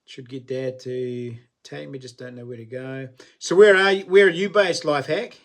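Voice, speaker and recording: In a medium-pitched voice at a normal pace, with fairly even intonation, a late-40s man hosts a livestream, reading out and replying to comments. His broad New Zealand accent suits his blokey, slangy, laid-back banter.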